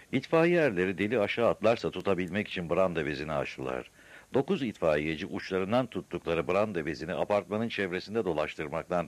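A man narrating an audiobook in a recording studio, lively storytelling. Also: sits low, no room sound. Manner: lively storytelling, voices the characters. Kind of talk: scripted narration.

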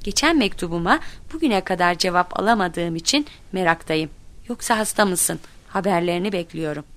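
A woman reading a children's story aloud, told as letters between friends, with lively voices for the people in it. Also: fairly quick. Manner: lively, voices quoted children and teachers with raised pitch. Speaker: narrator reading a children's book.

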